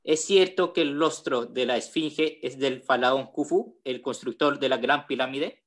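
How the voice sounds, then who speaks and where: Moderator, reads out audience questions, plain delivery, mid-pitched voice. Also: a little slow. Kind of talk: reading questions in an online lecture.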